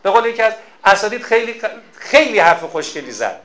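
Brief: male preacher and lecturer, high bright tone, emphatic storytelling sermon. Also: very animated. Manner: emphatic and exhorting, repeats key phrases.

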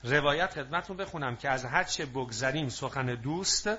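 Bright-voiced man preaching to a crowd. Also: medium pitch, slightly rough, highs cut off. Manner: lively, prompts audience to answer. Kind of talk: religious talk to a live audience.

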